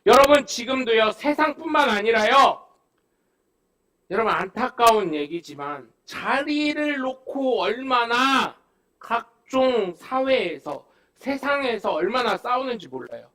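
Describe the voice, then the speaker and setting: A man preaching a Sunday sermon as pastor, animated, acting out phone calls in a scolding voice. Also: very high-pitched, unhurried.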